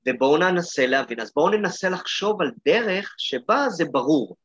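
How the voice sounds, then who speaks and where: A man's voice: a little high, animated, fairly bright tone, slightly rough, dry recording, lo-fi sound. A man who is an educator and podcast co-host, thoughtfully telling classroom stories, often restarting his sentences. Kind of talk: reflective casual chat.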